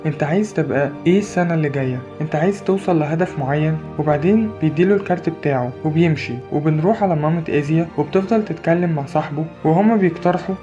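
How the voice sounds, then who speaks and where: A man's voice: fairly high pitch, rapid-fire, few pauses. A man with an Egyptian Arabic accent narrating a film recap, reading the characters' lines in his own voice. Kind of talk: scripted movie recap narration. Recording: slightly dull lo-fi audio with faint music. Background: faint background music.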